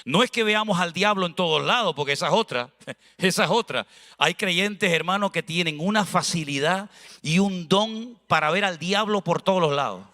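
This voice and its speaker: Male pastor, high bright voice, animated sermon, long hall echo. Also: normal speed. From Spain. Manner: animated, preaching with conversational asides and acted dialogue.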